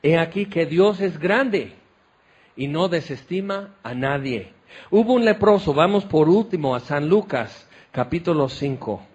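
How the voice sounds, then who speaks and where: A man's voice: on the high side, a little mellow, husky, dull audio. A man preaching a sermon at a tent meeting. He tells the scenes dramatically, acting them out with exclamations.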